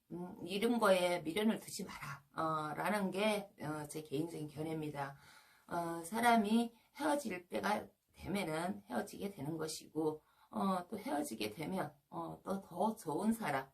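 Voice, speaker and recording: A middle-aged woman shaman counselor talking alone on her broadcast, pausing often with filler sounds. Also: fairly low pitch, gravelly. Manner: many filler sounds, slow and hesitant. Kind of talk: solo broadcast talk.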